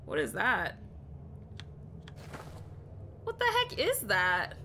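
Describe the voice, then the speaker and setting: A woman's voice: mid-range voice, wildly swooping pitch, very slow, gravelly, pushed and bright, a little hiss or hum. A young woman streaming a horror game, jumpy and exclamatory, swearing as she plays. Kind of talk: live horror game commentary. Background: game music.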